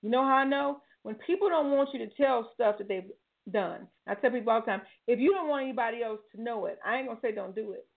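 A woman's voice: fairly high pitch, quick pace, gravelly. An older woman hosting a talk show, giving preachy, folksy motivational advice and repeating her key phrases. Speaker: talk show host and life coach. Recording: tinny phone-like line.

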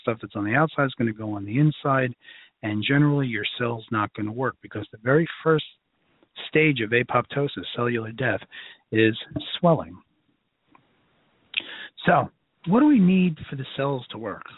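Male lecturer, Brooklyn accent. Rough-edged voice, conversational and emphatic teaching style, dry telephone-band recording. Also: mid-range voice, lively intonation, moderate pace, long pauses, dry recording. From Brooklyn, New York. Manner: emphatic, conversational, folksy, checks in often. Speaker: lecturer, health educator. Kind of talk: informal lecture to a class. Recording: narrow phone-like line.

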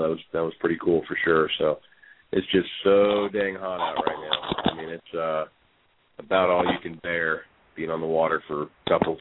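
A man with a low voice co-hosts a fishing talk show by speakerphone over a phone line, and the call sounds tinny and echoey against a noisy background. He chats easily about fishing and reads a report aloud, with lots of fillers and restarts.

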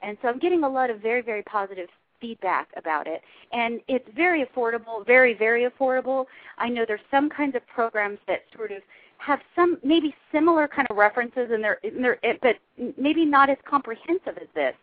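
A woman's voice: a little high, animated, brisk, no echo. A woman from Southern California in her forties, a guest life coach chatting on a radio interview. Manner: chatty, laughing, explaining. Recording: phone line.

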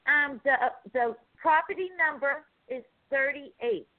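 A woman caller on a muffled, distant phone line, talking quietly and hesitantly. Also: high voice, slow pace. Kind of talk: call-in chat.

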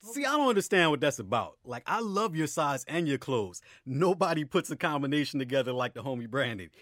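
Brief: actor as a streetwise young writer, slangy and playful, lively pitch. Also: male voice, a little fast, dry recording, studio quality.

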